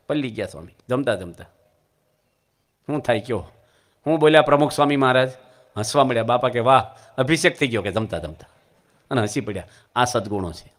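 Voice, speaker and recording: A man's voice: medium pitch, a bit bright. A man with a Gujarati accent giving a religious discourse, telling anecdotes with humorous asides to his audience. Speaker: monk preacher.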